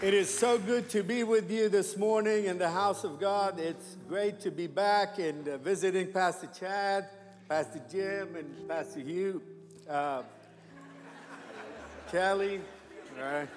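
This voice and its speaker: A man delivers an emphatic testimony in a church sanctuary. His voice sits high and he speaks slowly. The room is echoey with faint music behind him. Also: a faint crowd. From Iran. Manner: emphatic preacher, calls for amens. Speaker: guest missionary.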